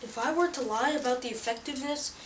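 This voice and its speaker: A young woman giving a scripted, salesy hard-sell infomercial pitch with rhetorical questions. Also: fast. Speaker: student presenter. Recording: noisy amateur recording, distant mic.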